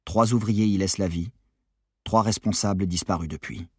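Audiobook reader, man, lowish husky voice, dry close sound, steady. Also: moderate pace, no echo. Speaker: audiobook narrator. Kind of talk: scripted novel narration.

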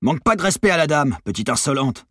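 A man voicing a gruff, grizzled reporter. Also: fairly high pitch, animated, a little fast, no echo, studio quality, pitched above the performer's own voice. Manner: gruff, probing. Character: grizzled gun-toting male reporter, gruff and pressed.

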